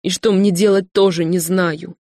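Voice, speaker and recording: A woman's voice: on the low side, level tone, brisk, darkish tone, dry recording, studio quality, lightly acted. A woman voicing a frightened young pregnant woman who speaks tearfully and pleadingly, in an audiobook reading. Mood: distraught.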